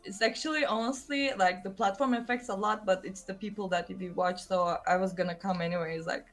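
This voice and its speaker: Speaking fairly quickly in a steady, mid-range voice, this woman from Turkey has a Turkish accent and uses English as a second language. She's a guest streamer in a casual podcast chat, giggling and hesitating as she hunts for words.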